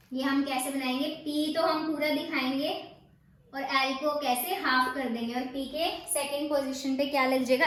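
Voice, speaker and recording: High-voiced woman teaching in an echoey room. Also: fairly bright tone. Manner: repeats rhetorical questions to students. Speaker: steno teacher. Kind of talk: casual classroom explanation.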